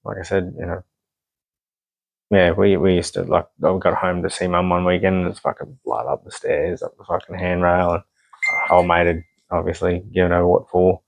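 Man, young adult, deep low voice, dry close sound, blunt and sweary. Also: monotone, normal speed, creaky, no room sound, muffled recording. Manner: blunt, heavy swearing, rambling asides. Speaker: guest. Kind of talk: candid personal storytelling.

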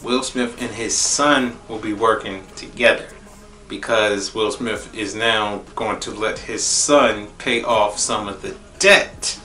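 A young man giving a casual spoiler movie review, profane and blunt, repeating phrases for emphasis and jumping into high exclaims. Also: slow pace, recorded from a distance. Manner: animated, jumps into high exclaims. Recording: roomy echo, a bit off-mic, faint music behind.

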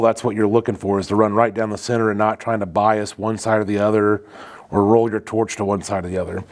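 A man's voice: fairly low pitch, darkish tone. A man in his thirties, a welding instructor, talking casually through a demonstration in an indoor welding shop, loose and conversational, with frequent fillers.

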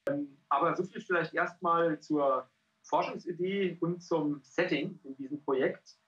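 Give me a middle-aged man on a headset call who presents his research in halting phrases, with a muffled lo-fi sound. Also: a little high, a bit bright. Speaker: cultural scientist and pianist presenting a research project. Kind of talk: hesitant presentation on a video call. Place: indoor room. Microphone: headset on a video call. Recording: dull lo-fi call audio.

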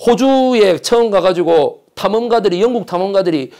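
A man giving a storytelling history lecture, animated and jokey, often asking his audience questions and acting out quotes. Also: high-pitched, fairly quick. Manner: slips into dialect when quoting figures.

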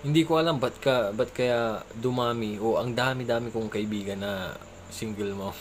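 Man vlogger giving casual advice in a mid-pitched voice. He keeps checking for agreement and chuckles now and then. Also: moderate pace, a little hiss or hum. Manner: conversational, keeps asking "di ba?" for agreement; chuckles between remarks. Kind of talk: casual chat.

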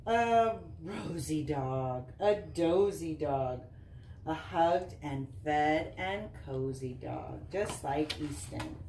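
Here a volunteer reads a picture book to children at a slow pace, her voice sitting low, delivering it expressively in a singsong with chatty asides. The living-room setting and a camera a short distance away give the recording a roomy, distant quality with faint noise.

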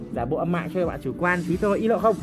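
A man giving excited live commentary over a mobile game he is playing, full of repeated cries and joking boasts to viewers. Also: high voice. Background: game music.

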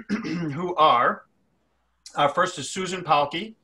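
A middle-aged man hosting a live video-call interview, introducing guests with halting, hesitant phrasing. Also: a little high, sharp tone. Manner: halting, many fillers and restarts. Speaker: festival program director, host. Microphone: webcam on video call.

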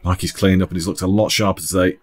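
A lowish-voiced man calls an amateur football match in a relaxed, chatty way. He talks the viewer through each attack and laughs easily along the way. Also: fast talker. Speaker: match commentator. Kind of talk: sports commentary voice-over.

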